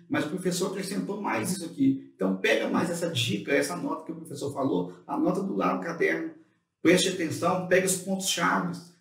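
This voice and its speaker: A man co-host gives study advice in a chatty way, his slightly high voice carrying a gravelly edge. He sits back from the microphone in a room that echoes. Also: distant mic. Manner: advising, chatty, with fillers "né" and "tipo assim". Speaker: co-host giving study tips. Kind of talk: casual instructional talk.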